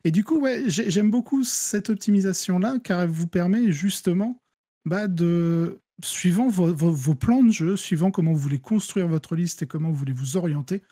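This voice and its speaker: A French-accented man talking through strategy for a tabletop wargame in a relaxed, mellow voice. He explains things step by step, trailing off into fillers and restarting his sentences. The sound is dry and close. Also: sits high, normal speed, no echo. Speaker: guest player. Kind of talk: casual gaming discussion.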